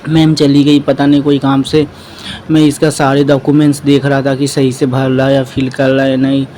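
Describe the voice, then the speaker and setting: A man's voice: medium pitch, monotone, normal speed, mellow, a little hiss or hum, low-quality recording. A young man narrates his vlog in a casual way and retells events with a lot of repetition. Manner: plain retelling in a loose, repetitive way. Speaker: vlogger.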